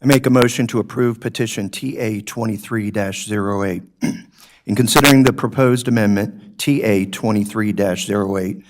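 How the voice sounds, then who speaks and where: A man with a measured, weighty baritone formally reading a motion as a commissioner at a town board meeting.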